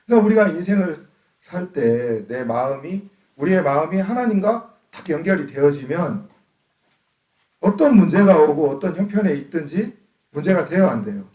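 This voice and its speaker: A man's voice: on the high side, lively intonation, normal speed, mellow. A middle-aged man from Chungcheong, preaching to his congregation in a joking way, laughing often and asking them questions. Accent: Chungcheong Korean. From Chungcheong, Korea. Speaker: pastor. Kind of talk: sermon. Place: church hall. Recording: echoey church hall, distant mic.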